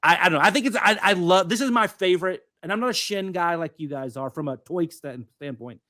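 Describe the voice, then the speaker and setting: A man co-hosting a casual podcast, rambling with many fillers and restarts. His voice sits a touch high, and the sound is close and dry. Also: fast talker, sharp tone, no room sound. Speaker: podcast co-host. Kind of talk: casual chat.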